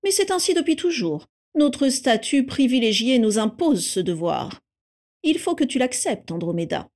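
A woman's voice: on the high side, very animated, moderate pace, a little mellow, voice pushed up. A woman voicing a stern, haughty aunt who lectures a young woman about duty. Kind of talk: audiobook character reading.

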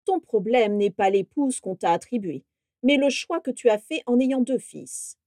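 A woman voicing a haughty, scheming aristocratic wizard who mocks and gloats in a mellow voice. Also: on the high side, animated, unhurried, no room sound, studio quality. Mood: mocking. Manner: mocking, gloating.

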